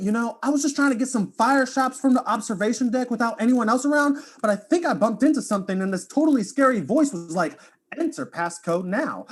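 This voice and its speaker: Man doing a laid-back young streamer, slangy, lively intonation, audio drama. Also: very high-pitched.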